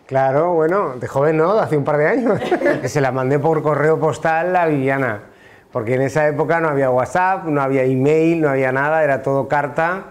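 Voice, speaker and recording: Against slight background noise, a middle-aged man from Spain talks fairly quickly in a highish voice with an Aragonese accent. He's an interviewee on a tour, explaining things in a relaxed chat full of fillers.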